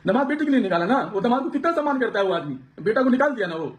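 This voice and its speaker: A man's voice: very high-pitched, lively intonation, racing. A man vlogging to his viewers, pouring out an aggrieved personal account with many restarts. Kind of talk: emotional personal account to camera.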